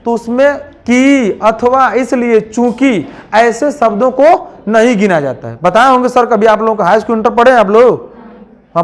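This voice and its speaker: Male teacher with a very high voice, dictating a grammar lesson to a class. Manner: asks the class frequent checking questions; dictates headings slowly, word by word.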